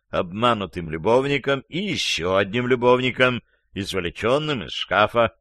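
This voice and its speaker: A man narrating a story as an audiobook, in a measured, wry manner. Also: mid-range voice, a bit bright, no echo, studio quality.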